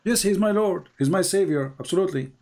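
A male host whose first language is Arabic talks quickly in a darkish tone as he spars with a caller. Emphatic throughout, he repeats phrases for stress and rises high when pressing a question.

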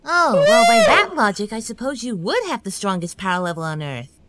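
A woman's voice: medium pitch, big pitch swings, fairly quick, heavy background noise, natural voice. A woman voicing an earnest, nerdy young boy in a parody cartoon dub, polite and inquisitive.

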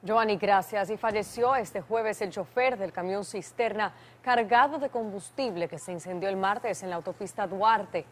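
A woman's voice: mid-range voice, normal speed, few pauses. A woman with a Dominican accent reading scripted studio news as anchor.

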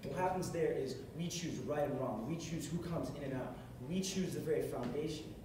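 On the stage of a large carpeted hall, a young man at a music stand preaches a short, earnest sermon, his high-leaning voice brisk as he repeats phrases for emphasis. A camera far across the room records him, with echo and noise from the hall.

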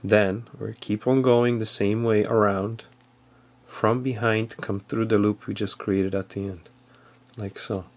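Man, lowish voice, casual instructor talking through steps off camera. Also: level tone, a little slow. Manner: plain, step-by-step explaining with fillers. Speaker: outdoor skills instructor. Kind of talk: casual how-to demonstration.

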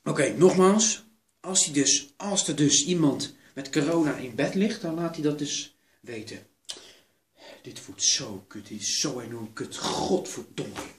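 A man giving excited role-play commentary, jumpy and swearing, muttering to himself to stay calm. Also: mid-range voice, a little slow. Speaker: gamer doing a role-play.

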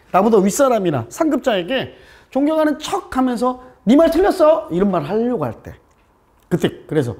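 Male English teacher, exam-prep lecturer: animated, pitch jumping around, throws quiz questions at the class. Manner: animated, fires rhetorical questions at students; mixes English terms into explanations.

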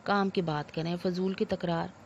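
A woman voicing a composed young husband who speaks in a measured, reasoning way. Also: fairly low pitch, steady tone, lo-fi sound, a little hiss or hum, close to an everyday voice. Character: composed young husband, patient and dry-humored.

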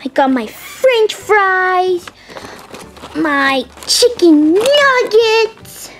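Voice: very high-pitched, very animated, extremely slow, loud music behind the voice, full character voice. A young voice doing a whiny bunny plush. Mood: chatty. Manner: whiny, demanding, giggly. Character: whiny greedy bunny animatronic plush, male. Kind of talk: plush toy puppet video.

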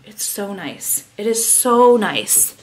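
A very animated woman in her thirties takes her time as she vlogs from her bedroom, rambling and self-deprecating while showing a skincare product to a camera held at arm's length. Her voice is medium-pitched, and the recording is rough.

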